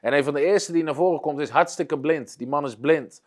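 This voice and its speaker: A man with a somewhat high voice preaches in an earnest storytelling manner. He often pauses and restarts his sentences as he works through a tale. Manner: earnest storytelling with frequent hesitations. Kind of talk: storytelling sermon.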